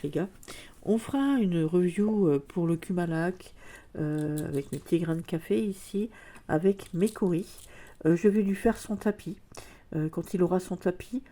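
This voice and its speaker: A woman with a cold chats casually in a vlog, her nose stuffed up and her speech hesitant and full of fillers. Her voice sits low and mellow.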